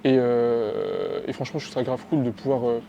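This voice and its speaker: A man's voice: medium pitch, level tone, moderate pace, warm tone, dull audio, a little hiss or hum. A man interviewing a young rapper, asking long, rambling questions and often repeating the guest's words back to him.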